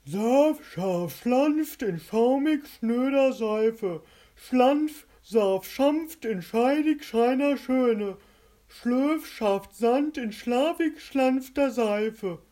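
A fretful, giggly storybook fellow who stumbles and slurs over tricky words, voiced by a woman. He speaks slowly in a high voice. The tone stays dark and mellow. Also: animated. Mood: stumbling. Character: nervous giggly male companion, fumbling words.

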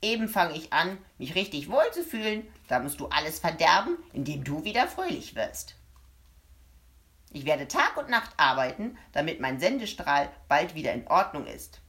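A woman reading an audiobook, voicing a spiteful little man who shouts at and sneers at children. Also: low-pitched, big pitch swings, moderate pace. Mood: grumbling. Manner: shouting, sneering, gleeful cruelty. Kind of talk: audiobook character voice.

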